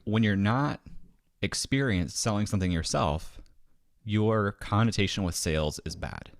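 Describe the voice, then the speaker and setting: A man's voice: fairly low pitch, measured pace, dry recording, clean studio sound. A man from the American Midwest, a podcast guest, chatting casually and animatedly, acting out little quoted dialogues. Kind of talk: casual interview chat. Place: home basement studio.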